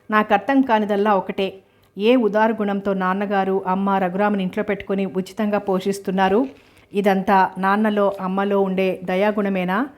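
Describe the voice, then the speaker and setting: Woman reading a novel out loud, flat steady tone, mid pitch. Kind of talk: first-person novel narration.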